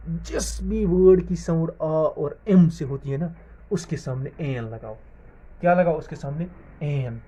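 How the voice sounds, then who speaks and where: A man's voice: fairly high pitch, mellow. A man teaching English grammar in a video lesson. He spells words out letter by letter and asks the class questions, then answers them himself. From Jammu and Kashmir. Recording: dull lo-fi sound.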